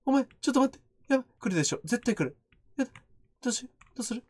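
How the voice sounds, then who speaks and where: A man's voice: very high-pitched, animated. A man doing jumpy, teasing commentary on a horror game he is streaming. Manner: jumpy, loud, teasing, quick to shriek. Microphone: studio microphone.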